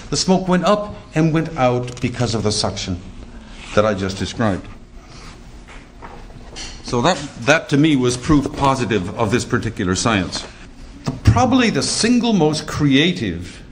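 Older man giving an animated lecture. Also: mid-range voice, a little hiss or hum. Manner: animated, emphatic explainer who slows down to stress points. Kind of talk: lecture with slides.

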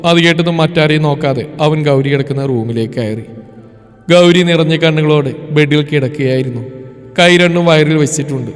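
A male storyteller giving scripted narration in an even, measured reading. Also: on the high side. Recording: reverberant with background music.

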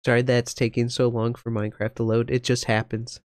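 A man's voice: medium pitch, flat delivery, brisk, a little mellow, no echo, clean studio sound. Flustered young man streaming a game. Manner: flustered, rambling, lots of ums and restarts. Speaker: gaming streamer. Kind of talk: casual live-stream chat.

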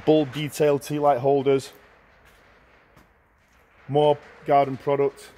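A middle-aged man walking through a large warehouse, listing auction lots in short, brisk phrases as he goes. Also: mid-range voice, little pitch movement, warm tone. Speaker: auctioneer giving a viewing tour. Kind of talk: walking tour commentary. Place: large indoor warehouse with shelving.

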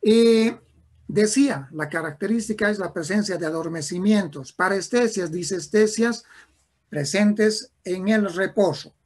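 Slow husky guy teaching a neuro class, keeps repeating himself and checking in with students. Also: high-pitched. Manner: slow, repetitive, with frequent restarts and checks of "¿ya?". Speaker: neurology lecturer. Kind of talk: classroom lecture.

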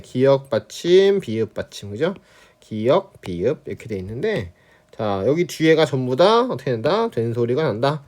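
A Korean language teacher lecturing on spelling rules, repeating key phrases and checking in with students. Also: male voice, mid-range voice, darkish tone.

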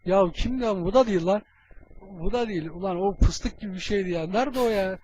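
Voiced by a man, a bumbling cartoon villain mutters and curses in a high voice. The dub audio is muffled and lo-fi, with faint noise behind it. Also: fast, a little mellow, close to an everyday voice. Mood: muttering. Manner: muttering, swearing, flustered. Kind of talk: comedic fan dub.

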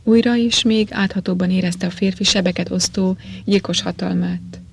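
A woman narrating a novel as an audiobook in a measured, steady way. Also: on the low side, creaky, a little hiss or hum.

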